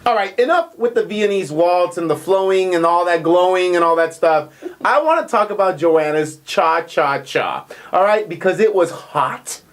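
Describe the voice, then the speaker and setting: A man co-hosting a casual recap chat, animated and jokey. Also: normal speed. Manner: animated, jokey, big pitch swings. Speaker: co-host.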